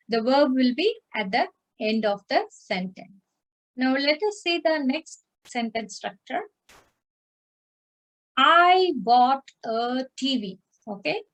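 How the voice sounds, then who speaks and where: A woman teaching a beginner language class over a video call, patiently explaining and checking in with her students. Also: high-pitched. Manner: patient, repeats and checks with "okay?". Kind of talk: online class instruction.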